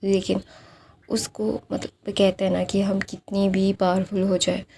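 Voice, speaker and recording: Gravelly dark-voiced woman storyteller. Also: medium pitch, level tone, a little slow, slight background noise. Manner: chatty, repetitive, hesitant. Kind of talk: casual story retelling.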